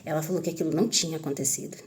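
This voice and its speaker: A woman with a Brazilian accent, candidly telling a personal story to her viewers in an emphatic, animated way. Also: deep voice, racing. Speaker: channel host.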